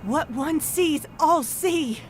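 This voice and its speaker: A woman's voice: sits high, slow pace, a little hiss or hum. An actress playing an anxious young woman, a freed captive, speaking earnestly. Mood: worried.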